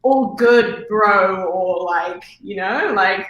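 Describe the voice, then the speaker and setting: A woman's voice: medium pitch, slow, fairly bright tone, muffled recording. A woman with a New Zealand accent chatting casually as a livestream guest, upbeat and giggly. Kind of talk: casual chat. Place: empty room under renovation, indoors. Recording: echoey empty room, faint noise.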